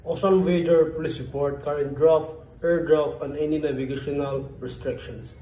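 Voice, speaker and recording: This man's voice sits on the high side, with a dark tone, fairly even intonation and normal speed. He acts as a port control operator on a marine radio call, giving instructions in a formal, clipped, scripted manner, recorded in an echoey room with a faint background hum.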